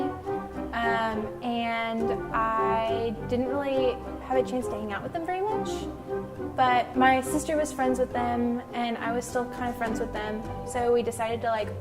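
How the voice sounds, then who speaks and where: Woman, 20s, high voice, casual chatty interview, fillers, background music. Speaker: club member interviewee.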